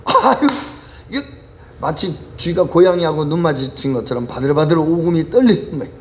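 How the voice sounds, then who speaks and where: A male pastor preaching a Sunday sermon, telling parables with lively storytelling. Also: fairly high pitch, normal speed, slight background noise. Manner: animated storytelling with vivid voice changes.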